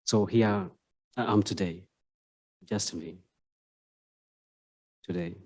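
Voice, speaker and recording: Slow, deep-voiced man from Uganda. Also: steady tone, husky. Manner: hesitant, halting, soft-spoken. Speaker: open mic speaker. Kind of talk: nervous personal introduction. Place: university exhibition room with seated audience.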